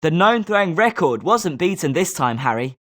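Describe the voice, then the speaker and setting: At a moderate pace and a slightly low pitch, a woman plays a confident British schoolboy wizard, consoling in tone. Her very lively melody matches the sporting, competitive video game character.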